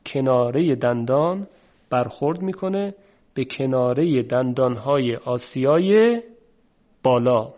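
A man teaching a tajweed pronunciation lesson, patiently explaining and slowly drawing out sounds to demonstrate them. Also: fairly high pitch, darkish tone. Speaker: Quran recitation teacher. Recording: dull, lo-fi recording.

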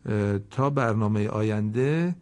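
A male teacher leads a slow Quran reading lesson, breaking each word into single letters and vowel marks before reading it whole. He speaks politely and formally, as if addressing a class directly. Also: on the low side, a little mellow. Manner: spells out letters and vowels one by one, then reads the whole word slowly.

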